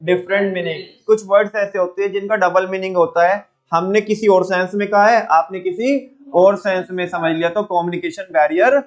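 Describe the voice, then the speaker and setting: A young male teacher lectures a room full of students in a bright, high register, constantly quizzing them and drilling terms through call-and-response. The recording sounds a little muffled and lo-fi, and the students' replies come through now and then. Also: fairly even intonation, normal speed, hardly any pauses. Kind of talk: live classroom lecture. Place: classroom with students.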